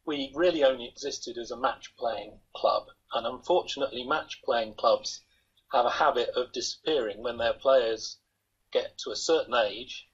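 An older man speaks from a room in his home as a guest on a video-call interview, rambling and poking fun at himself. His mid-range voice is slightly rough and moves at a normal speed. The laptop webcam mic gives the audio a dull, lo-fi quality.

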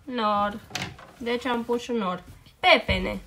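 A mother patiently helping her young child with homework, repeating words slowly and checking understanding as she goes. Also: fairly high pitch, lively intonation, pushed and bright, slight background noise. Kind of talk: casual coaching at home.

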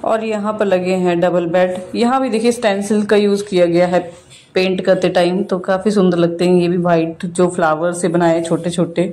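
A woman in her thirties, a vlogger, chats casually while walking through a rented apartment and pointing out its rooms in a home tour. Her voice is on the low side and mellow, with little pitch movement and a normal speed.

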